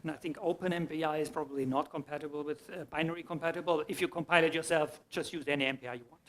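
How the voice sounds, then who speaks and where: Fairly high-voiced man taking questions. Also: fairly even intonation, racing, fairly bright tone. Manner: explanatory, restarts mid-sentence. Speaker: conference speaker. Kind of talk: answering audience questions. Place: conference hall.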